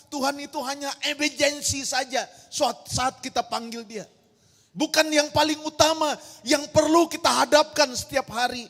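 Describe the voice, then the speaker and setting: Woman preacher, gravelly and emphatic, questions the congregation directly, recorded in a big echoing church hall. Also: high-pitched. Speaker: pastor. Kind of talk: sermon. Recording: long church-hall reverb.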